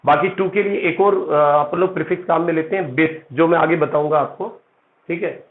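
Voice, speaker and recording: A man's voice: on the high side, brisk. A male chemistry teacher giving a classroom lecture, explaining step by step, calling his students "beta" and checking in with "theek hai". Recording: echoey room, tinny phone-like sound.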